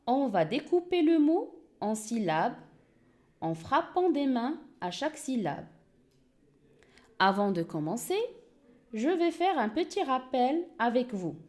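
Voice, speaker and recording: A woman teacher giving an early-reading lesson, speaking slowly and clearly and repeating each word for learners to echo. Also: sits high, big pitch swings, darkish tone. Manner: slow, clear, repeats words for pupils to echo.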